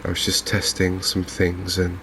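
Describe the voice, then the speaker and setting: A game streamer with a low, gravelly voice offers soft-spoken, ASMR-style commentary, with faint noise behind him. He murmurs to himself in a very even, unhurried way, as if thinking aloud.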